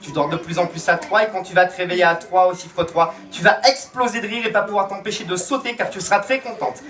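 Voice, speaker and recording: A man working as a stage hypnotist at a campsite show, speaking into a handheld microphone, slipping between slow hushed trance commands and playful teasing. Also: sits high. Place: campsite entertainment outdoors. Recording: live audience crowd behind. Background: audience crowd.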